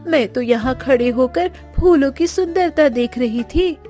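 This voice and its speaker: A woman's voice: high voice, measured pace, warm tone. A woman voicing a playful teenage girl who teases her mother, over background music. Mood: teasing. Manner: teasing, cheeky. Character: playful teenage girl, teasing younger sister. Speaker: voice actor. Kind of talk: dubbed cartoon acting.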